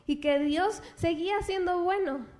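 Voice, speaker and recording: Very high-voiced woman preaching earnestly. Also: darkish tone. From Mexico. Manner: earnest, asks the listener direct questions; reads scripture slowly and deliberately. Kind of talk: sermon.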